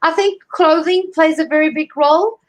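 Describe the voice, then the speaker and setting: A woman's voice: extremely high pitch, moderate pace, poor audio. A woman with a South African accent, a career coach giving advice on a live video call, chatty and full of fillers and restarts. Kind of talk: live online interview.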